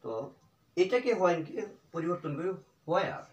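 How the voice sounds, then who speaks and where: Man teaching slowly in an echoey room. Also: sits high, animated. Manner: slow repetitive drilling of example phrases. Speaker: English teacher. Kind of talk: spoken English lesson in Bengali.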